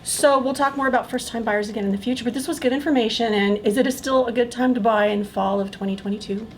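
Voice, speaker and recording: A woman co-hosting a casual chat, prompting questions in a quick, teasing way. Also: on the high side, steady tone, a little mellow, slight background noise. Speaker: co-host asking questions.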